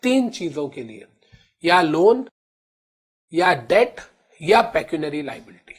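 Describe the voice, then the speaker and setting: Indian man teaching, slow repeated key terms. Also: fairly high pitch, very animated, slightly rough. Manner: addresses students as children, repeats key terms slowly. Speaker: law teacher. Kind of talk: classroom lecture in Hindi-English mix.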